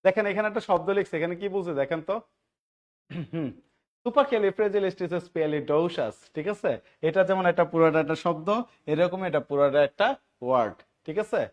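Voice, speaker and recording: A male tutor from Bangladesh runs an English grammar class for job-exam students. His voice sits high, and he drills the room with quick questions that he answers himself. He grows louder and more emphatic when he stresses a key rule. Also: muffled recording. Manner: keeps asking the class short check questions and answering them himself. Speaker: teacher.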